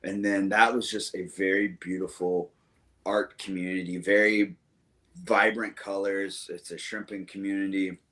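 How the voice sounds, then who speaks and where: A young man from the American South with a very low voice talks as a guest in a relaxed interview. He rambles fondly, stopping and restarting with plenty of fillers. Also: moderate pace. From Southern United States. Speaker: musician guest. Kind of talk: casual interview chat.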